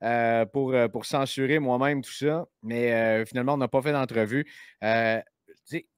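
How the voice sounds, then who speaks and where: A man with a Québécois French accent, hosting a casual chat show, lively and quick, with many fillers and restarts. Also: medium pitch, clean tone, no echo, clean studio sound. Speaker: podcast host.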